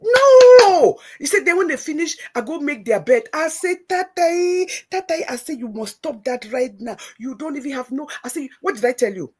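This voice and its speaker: A woman's voice: sits high, fairly quick, hardly any pauses. A middle-aged woman with a Nigerian Pidgin-tinged English accent, hosting and telling a story animatedly, voicing her own past lines in quotes. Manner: retells conversations in quoted speech, emphatic and motherly. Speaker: show host.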